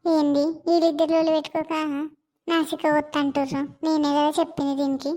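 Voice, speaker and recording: Shrill Telangana village gossip auntie, comic skit, woman performer. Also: flat delivery, fast talker, close to an everyday voice. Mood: indignant. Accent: Telangana Telugu. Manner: shrill, scolding, loud.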